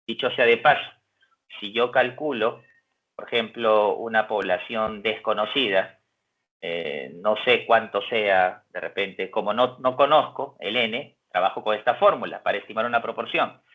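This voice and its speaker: A man gives a university lecture, patiently explaining and posing questions to his students. His voice is husky and slightly breathy. The recording is muffled and lo-fi. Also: lowish voice, normal speed. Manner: explains step by step, asks rhetorical questions, acts out student voices. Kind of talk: lecture on statistics. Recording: dull lo-fi recording.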